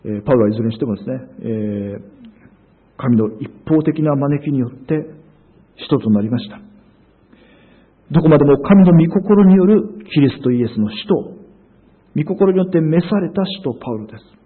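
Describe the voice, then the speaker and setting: A man's voice: medium pitch, lively intonation, moderate pace, long pauses, slightly rough. A man preaching a sermon in an earnest, emphatic way, with frequent hesitations. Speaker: pastor. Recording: phone-like narrow sound.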